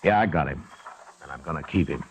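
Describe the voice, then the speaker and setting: An actor playing a stern, world-weary middle-aged American frontier marshal, terse and grave, in a 1950s radio western. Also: male voice, rumbling low, brisk.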